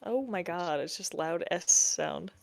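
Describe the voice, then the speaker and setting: Female player, lowish voice with heavy fry, wry casual table talk. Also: animated, a little slow, no echo. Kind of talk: casual wry game chat.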